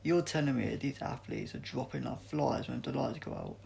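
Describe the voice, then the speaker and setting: A man voices a cheeky, brisk doctor who travels in space, firing pointed questions in a creaky storybook voice. Faint noise sits behind it. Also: mid-range voice, huge pitch swings, dark tone, heavily acted. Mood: incredulous, pointed. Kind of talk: audiobook character dialogue.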